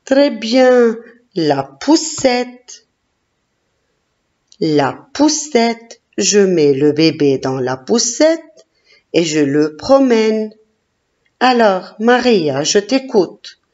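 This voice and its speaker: Slow, encouraging woman teacher. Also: medium pitch, lively intonation, a little mellow. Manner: slow, encouraging, sounding out syllables. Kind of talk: classroom phonics lesson. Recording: dull lo-fi recording.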